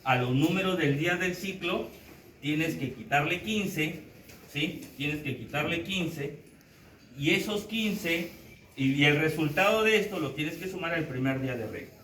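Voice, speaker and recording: A man teaching a class, animated, counting aloud and quizzing his students as he works at the board. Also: a little high, unhurried, echoey room, recorded from a distance, a little hiss or hum, poor audio. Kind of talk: classroom lecture.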